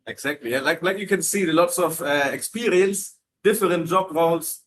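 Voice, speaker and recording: Reading out viewer comments and repeating words as he goes, a friendly German man hosts a casual live-stream Q&A about jobs in hotel entertainment, heavy on fillers and restarts. His fairly high, somewhat bright voice moves at a moderate pace over a little hiss or hum.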